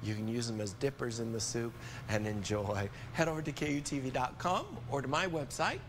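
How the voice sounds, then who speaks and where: Against background noise, an older man with a mid-range voice talks fairly quickly through a recipe on a live TV cooking show. He's a chef in a studio kitchen, upbeat and full of enthusiasm.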